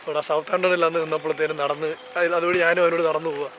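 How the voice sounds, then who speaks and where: A man with a Malayali accent walks outdoors through a seaside town and park, camera in hand, enthusiastically narrating a casual travel vlog and often correcting himself. He speaks rapid-fire in a flat delivery, his voice on the high side and fairly bright, with slight background noise.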